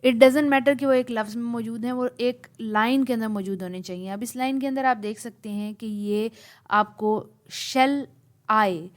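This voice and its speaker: A woman giving a lecture on poetry. She explains step by step and reads lines of verse with strongly marked stress. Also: fairly high pitch. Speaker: literature teacher.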